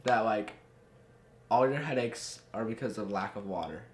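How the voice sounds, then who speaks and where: A man's voice: lowish voice, normal speed. A young man hosting a casual podcast, joking around and laughing often as he tells rambling stories. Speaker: podcast host. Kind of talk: casual chat. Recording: echoey room with faint noise.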